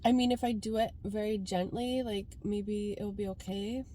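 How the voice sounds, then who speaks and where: Sitting inside a car, a Canadian woman vlogger chats informally and rambles, saying "like" a lot, sounding congested from a cold. Her medium-pitched voice is mellow, with fairly even intonation and a normal speed, and the rough recording has light ambient noise.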